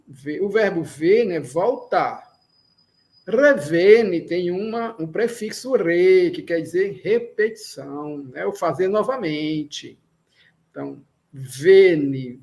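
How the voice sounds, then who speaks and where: A Brazilian man teaching an Esperanto lesson, explaining patiently and repeating example sentences slowly. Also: high-pitched, darkish tone. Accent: Brazilian Portuguese. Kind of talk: slow classroom explanation.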